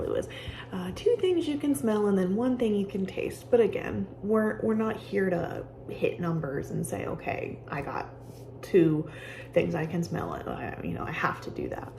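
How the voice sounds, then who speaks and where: A woman giving casual, conversational instruction as she guides a calming exercise with personal examples. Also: mid-range voice, slight background noise, low-quality recording. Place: office with sound machines nearby.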